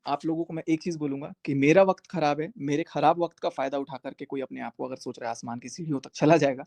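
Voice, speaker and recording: A man with a creaky, slightly mellow mid-range voice, a social media creator, talks to viewers during a live stream. He repeats himself for force, speaking emphatically and confrontationally.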